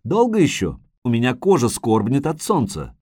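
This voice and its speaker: A man voicing a vain, capricious female sea siren who talks in a singsong, shrill and indignant way. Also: huge pitch swings, normal speed, warm tone, breathy edge, dry recording, studio quality.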